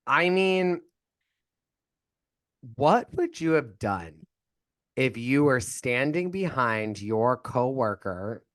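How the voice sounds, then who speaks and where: A man's voice: mid-range voice, lively intonation, takes it slowly, long pauses, a bit bright, no room sound. A man co-hosting a podcast in casual chat, talking in a campy, gossipy, sarcastic way. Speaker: podcast co-host.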